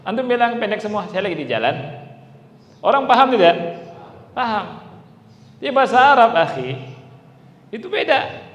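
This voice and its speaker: A man's voice: high-pitched, big pitch swings, moderate pace, long pauses, fairly bright tone, lo-fi sound. A man teaching a classroom lesson, who keeps checking with his listeners through rhetorical questions and repeats and stretches example words. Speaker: Arabic teacher. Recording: echoey hall with long reverb.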